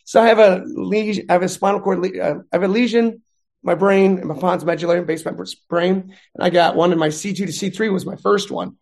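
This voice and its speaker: Gravelly high-voiced man telling stories. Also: fast talker. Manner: rambling, animated retelling with voiced quotes. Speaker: guest, veteran and math adjunct instructor. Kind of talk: casual storytelling interview.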